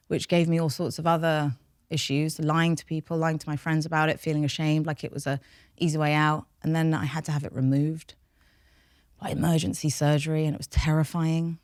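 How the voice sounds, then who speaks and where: Her voice sits low, smooth and a little mellow, captured dry at studio quality. This London-accented woman from North London, whose first language is Farsi, works in behaviour change and speaks openly and reflectively about her life as a podcast guest.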